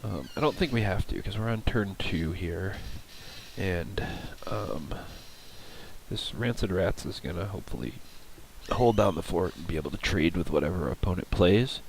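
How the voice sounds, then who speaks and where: A man's voice: sits low, normal speed, gravelly, darkish tone, slight background noise, rough recording. A man with a nasal voice from a cold, casually commentating his card game and thinking aloud with many hesitations.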